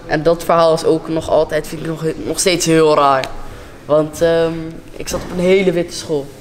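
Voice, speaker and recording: A man's voice: fairly high pitch, flat delivery, normal speed. A young man, casually telling a personal story as an interviewee in a large indoor hall. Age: young adult.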